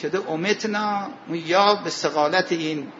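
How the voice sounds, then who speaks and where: A man teaching a seminary class on Arabic grammar and scripture, asking his students questions, answering them himself, and reciting verses slowly. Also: high-pitched, sharp tone, lo-fi sound, slight background noise. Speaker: religious studies teacher.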